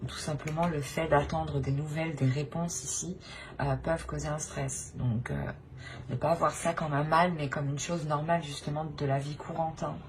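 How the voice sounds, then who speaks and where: Her low voice keeps a fairly even intonation at a moderate pace as she reads tarot, unscripted, for viewers of the channel she hosts. Hesitant and given to repeating phrases, she often adds a "hein." Background noise is noticeable.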